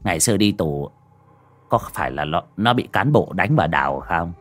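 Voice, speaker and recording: A man voicing a gruff old male jailbird who mutters in puzzlement. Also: sits low, expressive, normal speed, a bit bright, soft background music, voice pushed down. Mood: puzzled.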